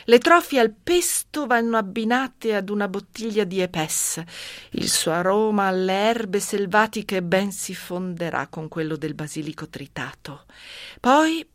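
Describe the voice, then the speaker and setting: An actress playing a greedy, scheming widow, speaking a slow, brooding inner monologue in a radio drama. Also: female voice, mid-range voice, lively intonation, no echo, studio quality, close to an everyday voice.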